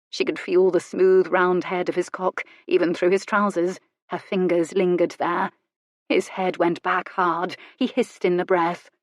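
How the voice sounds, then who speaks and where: Woman with a lowish, dry narrating voice. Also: no echo. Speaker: audiobook narrator. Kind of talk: scripted romance narration.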